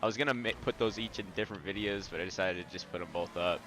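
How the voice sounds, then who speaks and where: A man hosting a racing video, talking casually over the gameplay with a relaxed, rambling delivery full of ums. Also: low voice, racing, heavy background noise. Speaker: racing video host and commentator. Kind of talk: casual race commentary.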